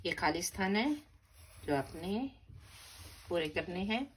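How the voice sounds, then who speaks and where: A woman's voice: on the low side, animated, slow pace, slight background noise. A woman teaching a grammar lesson to young children, patiently spelling out words syllable by syllable. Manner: repeats and stresses each word for children. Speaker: primary school teacher.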